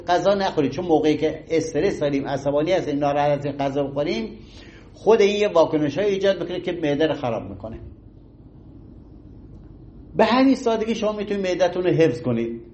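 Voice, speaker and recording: Animated man giving a folksy health talk. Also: on the high side, highs cut off. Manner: animated, folksy, acts out little scenes. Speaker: health lecturer.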